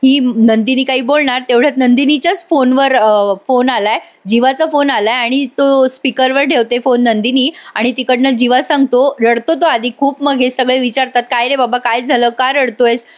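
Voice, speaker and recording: A woman's voice: high-pitched, steady tone, normal speed, few pauses. A woman narrating a voice-over recap of a TV serial, chatting directly to viewers and adding scolding asides. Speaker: TV serial reviewer.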